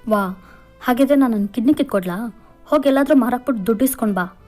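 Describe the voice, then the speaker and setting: A woman's voice: medium pitch, steady tone, fairly quick, warm tone, faint music behind, lightly acted. A woman voicing a young man who is hurt and irritable, snapping orders and scolding in a fan-fiction voice-over. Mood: gruff, bossy. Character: gruff injured young man, bossy and irritable.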